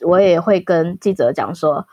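A woman with a Taiwanese Mandarin accent giving measured, conversational interview answers as a guest interpreter. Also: on the low side, lively intonation, darkish tone, dry recording.

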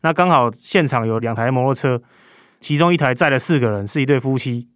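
A man's voice: medium pitch, brisk, no room sound, clean studio sound. A man with a Taiwanese Mandarin accent recounts a case conversationally as a reporter, speaking through a face mask. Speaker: crime reporter as podcast guest.

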